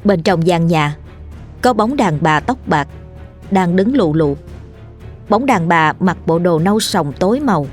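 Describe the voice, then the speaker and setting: Woman narrating a ghost story, low voice. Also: lively intonation, unhurried, pauses often, soft background music.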